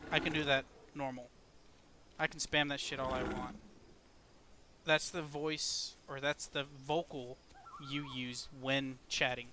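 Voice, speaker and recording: Bright-voiced man explaining a game. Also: on the high side, slight background noise. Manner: explains step by step, laid-back and profane. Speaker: gaming video host. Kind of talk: casual gameplay commentary.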